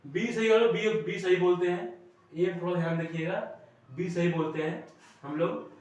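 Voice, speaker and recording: A man from India, with a somewhat high voice, runs a classroom lesson, explaining patiently and pausing to check that students follow. He is recorded from a distance in a very echoey room. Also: a little mellow. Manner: explanatory, often checks in with "ठीक है?". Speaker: teacher.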